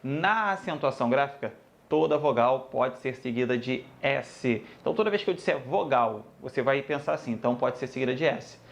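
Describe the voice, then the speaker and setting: A man's voice: medium pitch, fairly quick, gravelly. A man teaching a grammar lesson, addressing students casually and repeating each rule. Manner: lively, addresses students as "galera", repeats rules.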